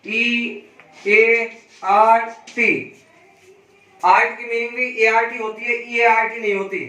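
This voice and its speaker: A man teaching a reasoning class, spelling out letters slowly and asking students questions he then answers himself. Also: very high voice, flat delivery, pushed and bright, recorded from a distance. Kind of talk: classroom lesson. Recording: echoey room, voice from off-mic.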